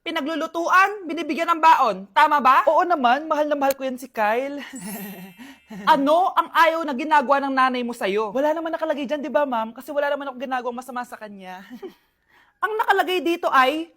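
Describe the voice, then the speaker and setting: A woman's voice: high voice, moderate pace, sharp tone. A woman performing a comedy skit and switching between several characters.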